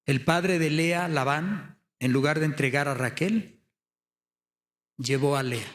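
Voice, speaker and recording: Male preacher, higher-pitched voice, storytelling sermon delivery with rhetorical questions, climbs into fervent raised passages. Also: slow pace. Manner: storytelling, rhetorical questions, rising to loud impassioned emphasis.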